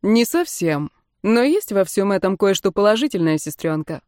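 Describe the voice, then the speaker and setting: A woman reading the part of a calm male doctor who soothes and reassures his sister. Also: medium pitch, normal speed, no echo, studio quality, natural voice. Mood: soothing. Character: calm caring male doctor, protective older brother.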